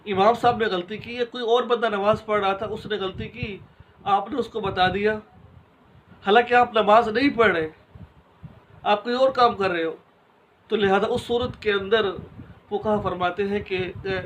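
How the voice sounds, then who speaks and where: High-voiced man teaching a religious lesson. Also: fairly bright tone, slight background noise, rough recording. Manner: explains step by step with examples and rhetorical questions; addresses listeners directly and informally.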